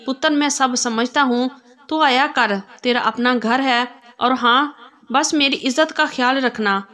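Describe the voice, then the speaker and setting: Casting: a firm, protective father figure, read by a woman storyteller, slightly high voice. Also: bright, forceful tone. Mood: forgiving. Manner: stern and firm. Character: protective middle-aged father, stern then forgiving.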